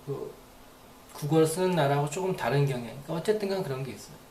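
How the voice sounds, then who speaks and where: A man's voice: on the high side, lively intonation, quick pace, a little mellow, roomy sound, a little hiss or hum. A man giving a casual, rambling spoken lesson, repeating phrases aloud to demonstrate them. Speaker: English teacher.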